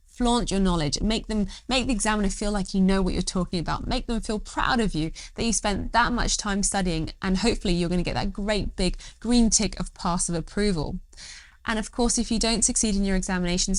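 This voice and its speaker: A woman's voice: medium pitch, dry recording. A young woman doctor giving study tips to camera, upbeat and encouraging. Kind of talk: educational talk to camera.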